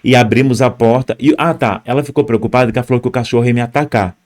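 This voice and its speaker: A man's voice: medium pitch, fairly even intonation, fast, a little mellow. Man telling his own story. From Brazil. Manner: speaks straight to viewers and points at on-screen footage. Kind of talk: personal storytelling.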